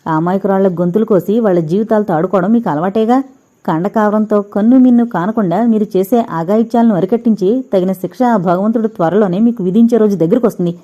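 A woman's voice: mid-range voice, fairly quick, close to an everyday voice. Woman reading a scornful, defiant young woman. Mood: accusing. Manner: sharp, accusing retorts. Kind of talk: audiobook character reading. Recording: dull lo-fi recording.

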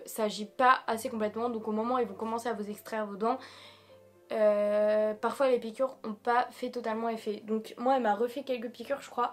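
A young woman with a French accent from France talks in a fairly high voice. She chats informally to the camera, rambling through her story with emphatic, slangy asides, like a vlogger in a small room. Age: young adult. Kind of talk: casual chat to camera, personal storytelling.

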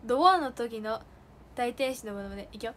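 A woman's voice: fairly high pitch, moderate pace, a bit bright, slight background noise. A young woman chatting casually with viewers on a solo livestream, bubbly and giggly, indoors while heavy rain falls outside. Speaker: idol livestream host. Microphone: phone or streaming mic.

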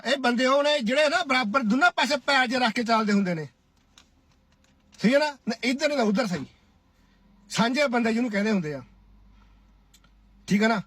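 A man's voice: very high-pitched, animated, fairly quick, long pauses, a bit bright, no echo. A man from India giving a preachy, scolding duet commentary, often asking his listeners "right?". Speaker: social media commentator. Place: Cyprus.

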